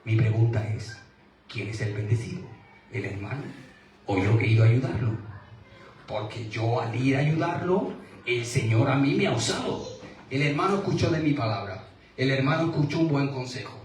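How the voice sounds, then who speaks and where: A man preaching earnestly, his voice sitting at a middle pitch. The church hall gives it a roomy echo, and the mic hangs back at a distance. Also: moderate pace, slight background noise. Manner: earnest, quoting God in a hushed voice. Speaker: pastor. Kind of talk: sermon.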